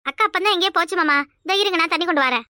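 A woman's voice: very high-pitched, rapid-fire, bright, forceful tone, dry recording, studio quality. A woman voicing a cheeky, earnest young village girl in a cartoon, with a Kanyakumari Tamil accent. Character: young unmarried village girl, spirited and fond.

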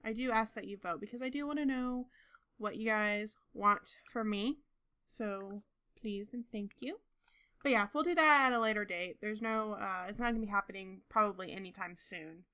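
Young adult woman, bright voice, casual chatty gameplay commentator who gets excitable. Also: mid-range voice, normal speed. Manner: chatty, talks to game characters, excitable outbursts. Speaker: gaming video host.

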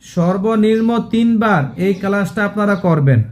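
A man leads a live online Quran lesson in a fairly high voice. He speaks slowly and repeats each rule, and he stops often to quiz his students. It sounds like a patient classroom drill. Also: a little mellow. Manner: slow, repetitive drilling with questions to students. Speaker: Quran recitation teacher.

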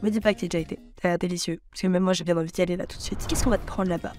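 A woman's voice: lowish voice, fairly even intonation, very fast, darkish tone, faint music behind, voice pushed down, natural voice. A young woman reading out a food menu in a teasing, playful way, recorded from some distance.

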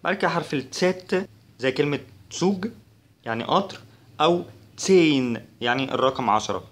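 A man with an Egyptian Arabic accent who teaches a language lesson, spelling out sounds slowly and repeating them patiently. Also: a little high, expressive.

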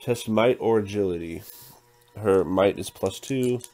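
A man's voice: on the low side, a little slow, soft background music. A man casually talking through a tabletop game playthrough, counting dice aloud and reading the game text. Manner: counts dice out loud, thinks through moves.

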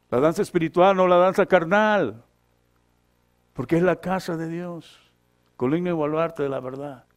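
A man, the pastor, preaching a sermon, who keeps checking in with short questions and swings between loud, emphatic lines and quiet asides. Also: on the high side. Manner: repeats scripture references for the congregation.

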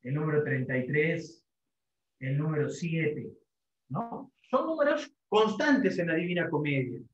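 A man's voice: a little high, expressive, measured pace. A male teacher giving a classroom lecture, repeating phrases and tagging his sentences with rhetorical questions between many fillers. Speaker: literature teacher. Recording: echoey classroom, dull lo-fi sound.

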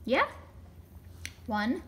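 A woman patiently coaxing a small child at home, asking simple questions in a gentle, sing-song way and prompting the child to repeat words after her. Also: very slow, slight background noise. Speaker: caregiver teaching a toddler. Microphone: hidden camera.

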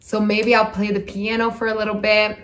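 A chatty woman at home films herself on her phone, talking straight to her viewers. Her voice sits at an ordinary middle pitch, with the plain sound of a phone video recording. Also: fairly quick. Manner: chatty, excited, addresses viewers as guys. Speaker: vlogger. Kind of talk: casual vlog talk to viewers. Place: at home indoors. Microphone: phone camera.

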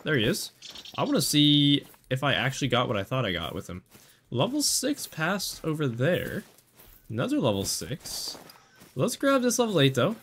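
Excitable man commenting on gameplay. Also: mid-range voice, moderate pace, breathy edge. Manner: excitable, talks to himself while aiming. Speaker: gaming channel host.

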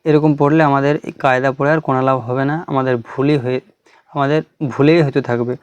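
Man teaching Quran letters, clear dry voice. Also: medium pitch, steady tone, no echo, highs cut off. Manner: drills letter by letter slowly, then explains quickly. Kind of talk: recitation lesson, spelling out letters with vowel marks.

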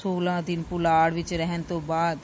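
A woman teacher reading a textbook chapter aloud to a class, steady and careful, now and then correcting a slipped word. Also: fairly low pitch, fairly quick, a little hiss or hum, low-quality recording.

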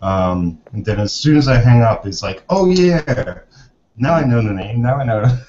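Mellow man in his fifties on a call. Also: medium pitch, expressive, normal speed. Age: 50s. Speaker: guest artist. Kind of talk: casual chat on a video call. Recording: lo-fi video call audio with faint noise.

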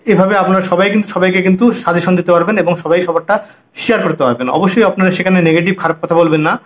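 Slightly high-voiced music teacher. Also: male voice. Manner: counts beats aloud slowly, chatty explanations. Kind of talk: harmonium and rhythm lesson.

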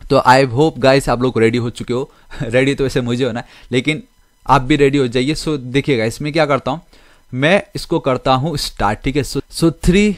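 A man talks through a screen-recorded coding tutorial in a casual, chatty way. He mixes English into his Hindi and keeps checking in with the viewers. His voice sits at an ordinary pitch and sounds dry and close, with no room echo. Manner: chatty Hindi-English code-switching, keeps saying okay and guys.

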